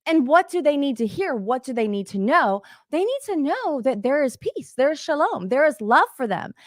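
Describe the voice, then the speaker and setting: A woman coaching an online workshop in an energetic, conversational way, often saying "like" and "right?". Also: sits high, no echo, clean studio sound. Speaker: business coach. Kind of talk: motivational workshop talk.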